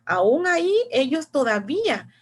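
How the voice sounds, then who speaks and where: Woman teaching a Bible class, lively. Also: high-pitched, a little slow. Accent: Panamanian Spanish. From Panama. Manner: retells scripture with lively emphasis, occasional hesitations.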